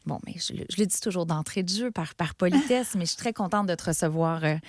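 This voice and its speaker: A woman's voice: fairly low pitch, animated, fast talker, no room sound, studio quality. A middle-aged woman with a Québécois accent hosts an interview podcast in a chatty, conversational way with many fillers. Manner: warm, chatty, thinks aloud with fillers. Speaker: podcast host.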